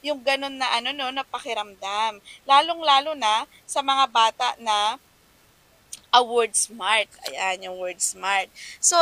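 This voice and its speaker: A woman giving a chatty, lively lecture on teaching children, mixing languages and often asking her listeners to agree. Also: high voice, dry recording, rough recording.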